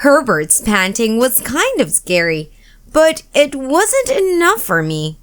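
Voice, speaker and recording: A woman reads a children's storybook aloud as narrator. Her pitch moves widely and expressively, and she keeps a slow, spacious pace. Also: huge pitch swings.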